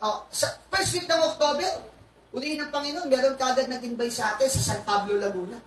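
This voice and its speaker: A man, a pastor, preaching a lively sermon with frequent hallelujahs and asides to his congregation. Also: extremely high pitch, a little fast, soft background music. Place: church hall. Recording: echoey hall, far from mic, faint noise.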